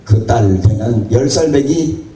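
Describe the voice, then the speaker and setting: Dark-voiced pastor preaching in a roomy hall. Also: male voice, medium pitch, animated, slow pace. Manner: emphatic preaching, dramatic storytelling. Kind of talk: sermon. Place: church or prayer house hall. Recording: roomy hall audio, distant mic.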